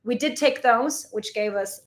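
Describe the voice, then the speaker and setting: Chatty Swedish woman, a bit high. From Sweden. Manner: chatty, laughs often, quick asides. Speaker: travel vlogger co-host. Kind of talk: casual live Q&A chat.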